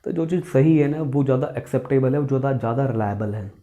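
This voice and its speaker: A man's voice: medium pitch, fast, warm tone, lo-fi sound. A man teaching accountancy in a classroom lecture style, asking questions, repeating key points and mixing with English terms. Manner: explains by asking questions and repeating points, calls students "beta"; mixes Hindi with English terms.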